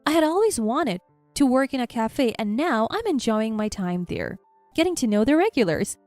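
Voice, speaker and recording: Woman, story narration, first person, matter-of-fact, somewhat high, lively pitch. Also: normal speed, no room sound, faint music behind.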